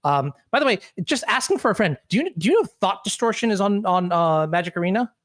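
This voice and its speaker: A young man co-commentating a live card game match in a high voice. He gets excited and stumbles over restarts. The sound is dry and close, with no room echo. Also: fast. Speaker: tournament co-commentator.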